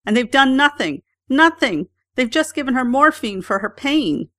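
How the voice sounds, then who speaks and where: A man's voice: very high voice, big pitch swings, normal speed, bright, forceful tone, no room sound, clean studio sound, pitched above the performer's own voice, full character voice. A woman voicing a frantic middle-aged husband pleading for help, his voice cracking. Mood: desperate.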